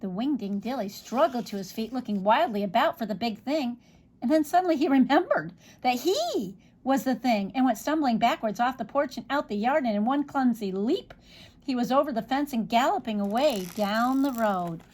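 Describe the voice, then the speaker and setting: Lady reading a kids picture book out loud, kinda high voice, lively, trips on a word now and then. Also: moderate pace. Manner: expressive read-aloud with small slips and restarts. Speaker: storybook reader.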